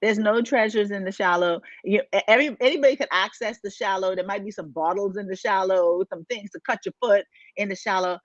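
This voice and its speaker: A woman's voice: medium pitch, a little fast, no room sound. A woman from the Bahamas, a life coach co-hosting a motivational podcast, speaking emphatically with many rhetorical questions. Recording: dull, dry, lo-fi sound.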